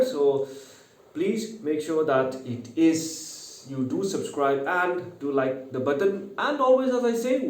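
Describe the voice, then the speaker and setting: Mellow Naga-accented man teaching in an echoey room. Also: a little high. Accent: Naga, Northeast Indian. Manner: conversational, repeats key words, frequent checking tag questions. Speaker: online mathematics teacher. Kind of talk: informal video lesson mixing English and local speech. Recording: echoey room, distant microphone.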